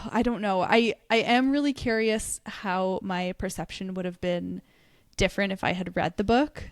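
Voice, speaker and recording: Here a young woman co-hosting a book podcast talks at a measured pace in a steady, mid-range voice. The studio sound is clean with no room sound, and her casual review chat is animated and full of laughter.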